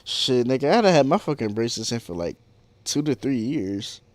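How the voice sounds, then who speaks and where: A young podcast host hangs out with friends on voice chat, laid-back and slangy, laughing a lot and swearing freely. His mid-range voice has a sing-song lilt at a normal speed, with no room sound.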